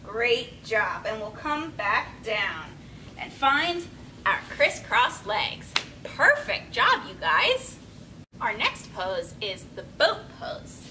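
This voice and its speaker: Talking young children through yoga, a bright-voiced young instructor demonstrates each pose while offering encouraging, simple step-by-step directions. The storytime takes place in a small indoor room with padded steps, captured by a distant camera mic several metres off, with rumbly background noise.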